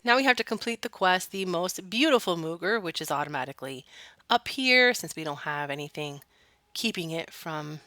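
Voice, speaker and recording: Bright-voiced woman narrating a game walkthrough. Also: on the low side, animated, normal speed, no room sound. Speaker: gameplay video host. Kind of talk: casual game walkthrough commentary.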